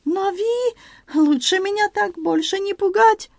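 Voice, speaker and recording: A man's voice: extremely high pitch, slow, creaky, dry recording, studio quality, voice pushed up, full character voice. A woman reading an audiobook, voicing an eager, kind-hearted Frenchman who speaks in broken phrases with a French accent. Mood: eager, flustered. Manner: broken grammar, eager, hasty. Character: flustered kind-hearted Frenchman, adult man. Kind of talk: audiobook character voice.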